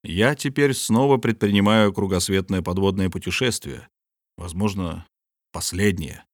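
Low-pitched stern ship captain, cold measured commands, dry close sound, read by a man. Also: dry recording. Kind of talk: audiobook character reading.

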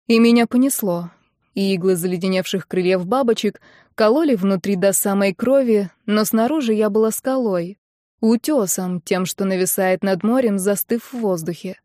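A woman narrates a first-person audiobook with an intense, emotional delivery. Her voice sits at a middle pitch and is recorded close and dry, with no room sound. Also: dark tone, dry recording.

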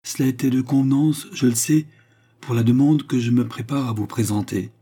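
A man's voice: medium pitch, steady tone, moderate pace, dark tone, husky, pitched above the performer's own voice, natural voice. A man reading a calculating old baron whose courtesy sounds forced and stiff. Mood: guarded.

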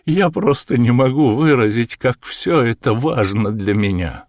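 A man's voice: mid-range voice, lively intonation, unhurried, no echo, studio quality, voice pushed up. A man voicing a nervous, frightened little man who asks anxious questions in a trembling voice. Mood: pleading.

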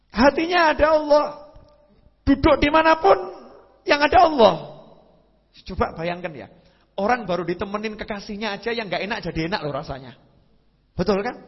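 A high-pitched, husky male preacher, telling stories with sudden pitch leaps and voiced sound effects. The recording is dull and lo-fi, with a long hall reverb behind his voice. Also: expressive, normal speed, long pauses. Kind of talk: religious lecture.

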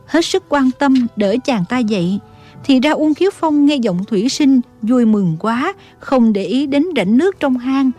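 A woman narrating an audiobook in an even storytelling manner. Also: a little high.

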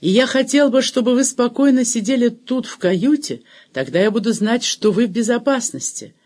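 A man voicing a calm, caring ship's doctor who gently reassures his patient in an audiobook. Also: very high voice, normal speed, pitched above the performer's own voice. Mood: reassuring.

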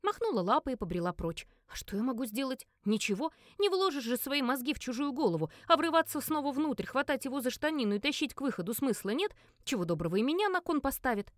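Lively woman narrating a novel. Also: sits high, fast, hardly any pauses, no room sound, clean studio sound. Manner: animated, wry storytelling. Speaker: audiobook reader. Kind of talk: first-person novel narration.

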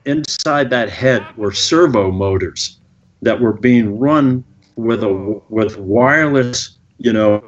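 A man telling stories as a guest in a podcast interview, animated and quick to swear. His voice sits at an ordinary pitch. The recording sounds dull and lo-fi. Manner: animated storytelling, swears freely. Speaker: film director guest.

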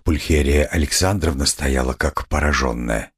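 A man reading a classic novel aloud as an audiobook narrator, in measured storytelling. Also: a bass voice, breathy edge. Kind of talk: scripted narration.

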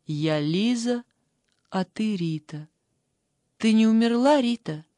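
Woman doing an excitable tearful young girl. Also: takes it slowly, dry recording. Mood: anxious. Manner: excitable, tearful, shrill when upset. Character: tearful younger sister turned twelve-year-old girl. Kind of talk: audiobook character voice.

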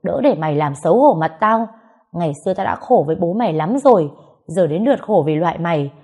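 A woman's voice: medium pitch, lively intonation, fast, dark tone, close to an everyday voice. A woman voicing an abusive middle-aged mother who screams insults at her daughter in an audio story. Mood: furious shouting. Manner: screaming insults, harsh and scolding.

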